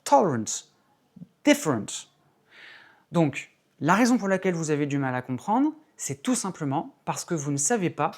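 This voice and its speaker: A woman, an English teacher, explaining patiently and clearly in a video lesson, stressing key words by repeating them. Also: low voice, darkish tone.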